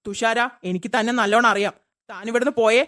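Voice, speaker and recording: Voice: medium pitch, fairly even intonation, fast talker, sharp tone, lightly acted. A performer doing a curt, irritable boss. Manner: curt, dismissive.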